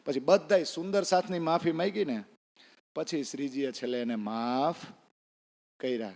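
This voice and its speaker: A man's voice: a little high, moderate pace, creaky, a little mellow. A man tells a devotional story in a sermon. He acts out the characters' lines and asks the listeners questions. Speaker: preacher. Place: temple hall. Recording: long reverb in a temple hall.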